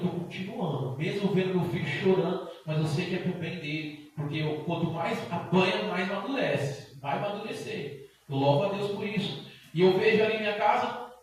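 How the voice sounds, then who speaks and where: A middle-aged Brazilian deacon with a high-pitched male voice preaches an impassioned Pentecostal sermon, pleading and erupting into loud bursts. He's recorded from a distance in a church sanctuary that echoes heavily.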